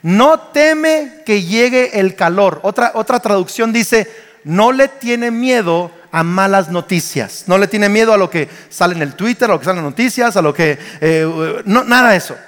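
A man's voice: high voice, normal speed, a bit bright. A man in his forties with a Mexican Spanish accent, preaching a sermon as pastor and telling stories with animation. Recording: long reverb of a church hall.

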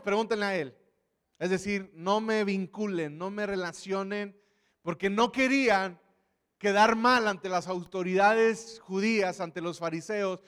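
A man preaching a lively sermon, animatedly acting out the voices of Bible figures. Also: high voice, clean tone, big-room sound.

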